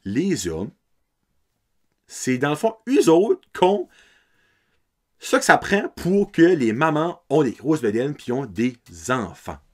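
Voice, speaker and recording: Acadian guy in his 30s, podcast host, fairly high voice that swings around a lot, chatty and laughing. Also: slow, long pauses. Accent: Acadian French. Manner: animated, laughing, mixes English words into French. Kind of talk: casual storytelling.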